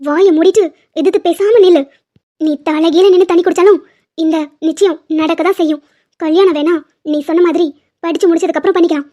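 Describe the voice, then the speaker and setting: Woman doing a stern scolding cartoon mother, high-pitched, harsh, dull lo-fi sound. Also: fairly even intonation, quick pace, mellow. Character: stern, domineering middle-aged mother. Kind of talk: cartoon drama dubbing. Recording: dull lo-fi audio.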